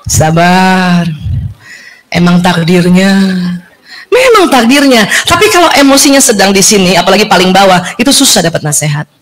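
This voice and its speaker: A woman giving a lively religious talk to an audience of women, acting out quoted dialogue and laughing often. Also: mid-range voice, moderate pace, poor audio. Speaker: religious lecturer.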